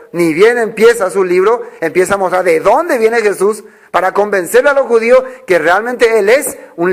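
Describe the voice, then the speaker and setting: A male preacher giving a sermon, reading Bible verses aloud and explaining them, with many rhetorical questions he answers himself. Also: high voice.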